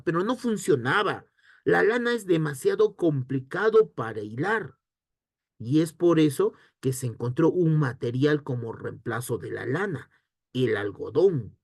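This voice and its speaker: A man teaching an online history lesson, asking himself questions and answering them in a lively way. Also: on the high side, vocal fry, dry recording, clean studio sound. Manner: lively, rhetorical questions to students.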